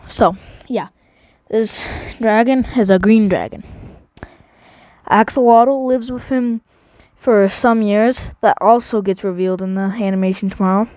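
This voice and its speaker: A woman's voice: mid-range voice, darkish tone, no echo, studio quality. A woman casually narrating a recap of her own animation series, rambling with many fillers and restarts.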